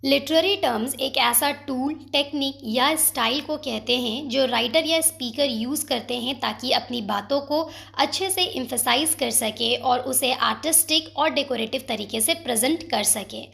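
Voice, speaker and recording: A woman teaching English literature terms, explaining in Hindi mixed with English and reading quoted poem lines slowly. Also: high-pitched, vocal fry, a bit bright.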